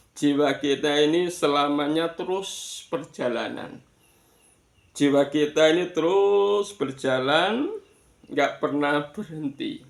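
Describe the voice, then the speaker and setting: Slow, creaky man teaching in echoey room. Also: fairly high pitch. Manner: deliberate, pausing between short phrases, repeating words for emphasis. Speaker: Islamic religious teacher. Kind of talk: sermon-like explanatory religious lesson.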